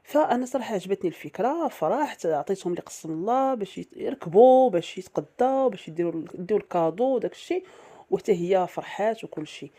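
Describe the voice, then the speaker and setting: Fast-talking Moroccan woman telling a story. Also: mid-range voice, animated, mellow. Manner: chatty, with frequent fillers and restarts. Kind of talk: first-person story narration.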